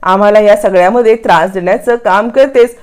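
A woman's voice: medium pitch, brisk, darkish tone, smooth, close to an everyday voice. A woman voicing taunting male street thugs, as part of retelling a TV serial plot. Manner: mocking, menacing.

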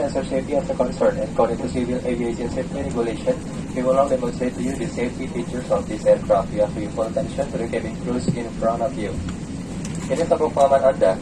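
A man with an Indonesian accent, a flight attendant reading a scripted safety announcement in a formal, recited way. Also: mid-range voice. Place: inside an airliner cabin. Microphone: cabin PA recorded from passenger seat. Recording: distant cabin PA, loud aircraft noise. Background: steady aircraft cabin noise.

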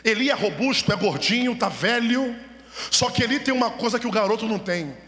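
A man preaching in a church, his high, bright voice ringing through a long hall reverb. He drives the sermon with rhetorical questions and pushes the congregation to answer amen. The sound is echoey and roomy, as from a church's own sound system. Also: brisk. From Brazil. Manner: animated, rhetorical questions, calls for amens. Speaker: pastor preaching. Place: church sanctuary, at the altar.

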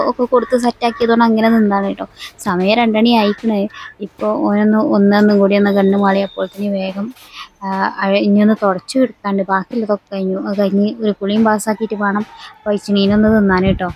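A young woman talks quickly and chattily in a home vlog voice-over. Her voice has a slightly husky, breathy edge. She sits a little high in pitch for a woman. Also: a little mellow, poor audio. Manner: chatty, ends sentences with "tto". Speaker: vlogger, mother. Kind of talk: casual voice-over vlog narration.

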